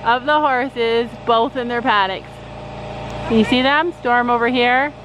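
Mom vlogger outside with a handheld cam, chatty, kinda high voice, outdoor noise behind her. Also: measured pace, muffled recording. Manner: chatty, talks to viewers, puts on voices for the animals. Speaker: vlogger and mother. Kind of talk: casual family vlog. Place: outdoors at a horse campground.

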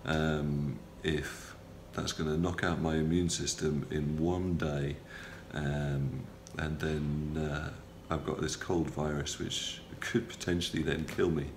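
In a small hospital room, a middle-aged patient vlogger with a cold talks into a close front-facing phone or camera for a casual video diary. His very deep, gravelly, slightly stuffy voice shows little pitch movement, and he's halting and matter-of-fact, pausing often on ums and uhs. The audio is roomy, with a faint hum behind him.

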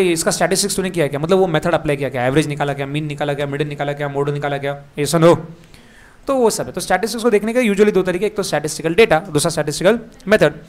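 A man with an Indian accent teaching an exam revision lecture, repeating key words and firing quick questions at his students. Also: fairly high pitch.

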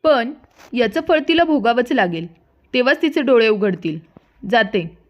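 A woman's voice: fairly high pitch, lively intonation, normal speed, lo-fi sound, lightly acted. A woman voicing an angry old beggar woman who is a goddess in disguise, scolding bitterly in a folk tale.

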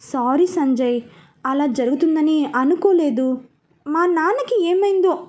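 Brief: woman reading a loyal, spirited schoolgirl in a spoken story, high voice, direct. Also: a little slow, dark tone. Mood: sorry.

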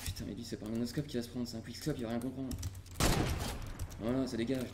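A man from Burgundy, France, giving playful, excitable live gaming commentary as a streamer, swearing casually as he plays. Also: medium pitch, fast, roomy sound, heavy background noise.

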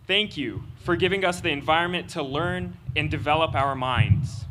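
A young man giving a student speech at a graduation ceremony, reading a prepared text into a podium microphone in an earnest, measured way. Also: fairly high pitch, background noise. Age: young adult. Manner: earnest, measured delivery with occasional slips. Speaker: student commencement speaker. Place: outdoor stage of a graduation ceremony.

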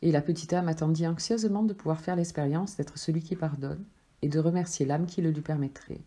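Low, mellow woman reading a story. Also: brisk. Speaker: life coach reading a story.

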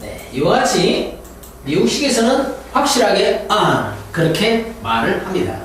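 A man teaching an English lesson, drilling pronunciation and having students repeat words slowly after him. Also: high voice, sing-song, fairly bright tone, far from the mic. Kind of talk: classroom lecture with pronunciation drills. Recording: echoey room, voice from afar, faint hiss.

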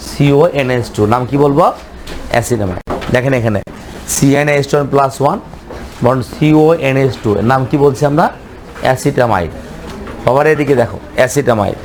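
A man's voice: mid-range voice, a little hiss or hum. A male chemistry teacher giving a lecture, asking the class questions and answering them himself, repeating each name over and over. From Bangladesh.

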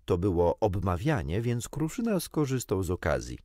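A man narrating a children's storybook with a low voice. His pitch sweeps widely and playfully through every sentence. The sound is close and dry. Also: normal speed, no echo. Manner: expressive, playful. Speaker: audiobook narrator.

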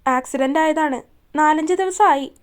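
A woman reading the lines of a kind, injured young man in a soft, reassuring way. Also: high voice, normal speed, natural voice.

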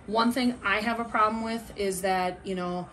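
A middle-aged woman gives a casual product review at some length, talking informally at a table in a small room at home, with the camera a short way off across the table. Her mid-range voice is a bit bright, with fairly even intonation at normal speed.

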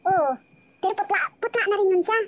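A woman's voice: very high voice, brisk, background noise. A woman casually telling her life story on a live chat, rambling and emotional, often restarting her sentences.

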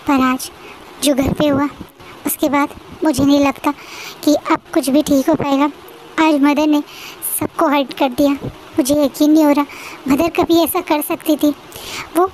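A woman's voice: high voice, slight background noise, natural voice, poor audio. Woman voicing a hurt, grieving young man. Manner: soft, tearful, halting.

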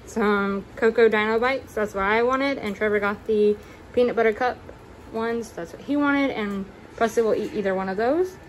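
A woman's voice: a little high, moderate pace, a little hiss or hum, low-quality recording. Chatty young woman on a phone camera. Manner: chatty, with fillers and self-corrections. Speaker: vlogger. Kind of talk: casual grocery haul narration. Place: home kitchen, indoors.

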